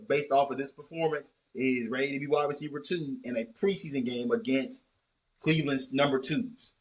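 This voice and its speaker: A man hosting a casual sports chat, talking in long rambling runs with many restarts and a measured, cautious tone. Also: medium pitch, a bit bright. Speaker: host.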